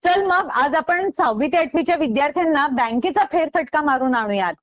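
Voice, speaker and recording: A woman's voice: sits high, expressive, brisk, no echo. A woman hosting an educational radio program, explaining in a scripted chat with her co-host. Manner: explanatory, addresses co-host by name. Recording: dull dry studio sound.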